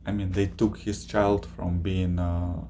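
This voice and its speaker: A man casually chatting on a live stream, reading out viewer questions and reacting, with halting pauses. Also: low voice, flat delivery, dark tone, a little hiss or hum. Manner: slow, halting, many filler pauses.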